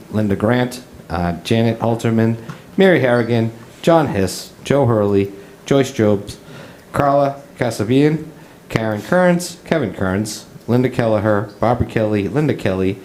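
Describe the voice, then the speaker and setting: A man's voice: medium pitch, expressive, a little slow, darkish tone, slight background noise. Boston-accented man reading out names. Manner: plain, stumbling over names. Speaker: town councilor. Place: town council chamber.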